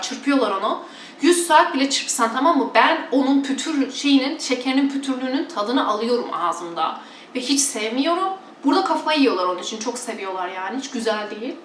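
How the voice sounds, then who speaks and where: A woman's voice: fairly high pitch, a bit bright, echoey room, recorded from a distance, a little hiss or hum. A woman from Turkey chatting casually and bluntly to her followers, mocking preachers with exaggerated imitations. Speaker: vlogger.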